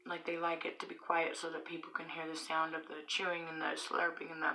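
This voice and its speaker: Middle-aged woman vlogger, bright and lowish-pitched, chatting and chuckling between bites in her bedroom. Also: completely flat delivery, brisk, vocal fry, low-quality recording. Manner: chatty, chuckling, fillers while chewing. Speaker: mukbang vlogger. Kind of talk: casual storytelling while eating.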